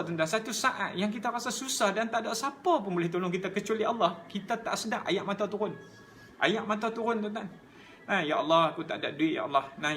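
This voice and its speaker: Earnest high-voiced preacher. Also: male voice, bright, forceful tone, a little hiss or hum. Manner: earnest, repeatedly addresses listeners as "tuan-tuan". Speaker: religious teacher. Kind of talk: live-streamed religious talk.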